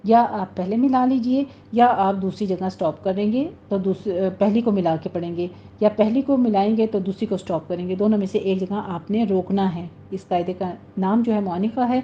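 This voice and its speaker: A woman teaching a recitation lesson, patiently explaining rules step by step and slowly modelling the words. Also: mid-range voice. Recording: slightly muffled recording with faint noise.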